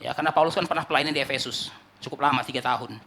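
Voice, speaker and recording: A male pastor preaching an animated sermon, often calling out to the congregation and mimicking churchgoers. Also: mid-range voice, very fast.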